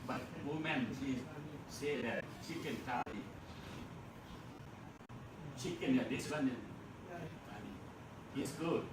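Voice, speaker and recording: A man with a Burmese accent teaching an English class, speaking slowly, repeating words and chuckling often. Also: medium pitch. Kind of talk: classroom lecture. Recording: echoey classroom, mic far off, noisy.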